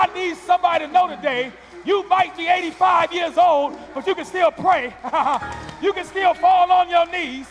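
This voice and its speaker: A middle-aged male pastor preaching loudly, building up with repeated calls in a large church. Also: very high-pitched. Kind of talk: sermon. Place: large wood-paneled church sanctuary. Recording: long church hall reverb.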